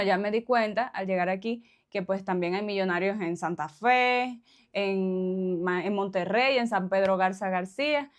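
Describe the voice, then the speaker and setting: A woman from Cuba with a Cuban accent, chatting casually to her viewers, laughing often and tossing in little questions. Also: medium pitch. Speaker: vlogger. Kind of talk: casual chat to camera.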